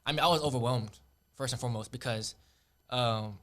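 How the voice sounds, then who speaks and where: A man's voice: mid-range voice, fairly quick, a bit bright. A man in his twenties chatting casually as a podcast guest, rambling with lots of fillers. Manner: rambling, many "like" and "you know" fillers.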